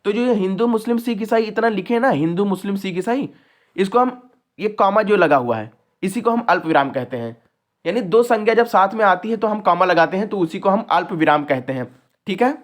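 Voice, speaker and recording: Brief: young male teacher, high voice, patient step-by-step explainer, exam-prep class. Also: expressive, a little fast. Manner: explains step by step, checking in with "ठीक है".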